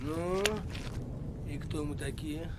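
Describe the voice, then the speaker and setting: An actor playing a scornful, hot-headed nationalist militia commander, barking and sneering. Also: male voice, fairly high pitch, steady tone, takes it slowly. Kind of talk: film drama acting. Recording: loud noise behind the dialogue.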